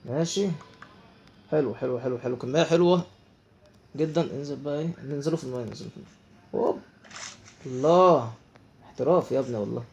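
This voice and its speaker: A man's voice: medium pitch, fast talker, pauses often, darkish tone, slight background noise. A man with an Egyptian Arabic accent giving chatty let's play commentary, talking to himself and his viewers as he plays. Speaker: gaming YouTuber.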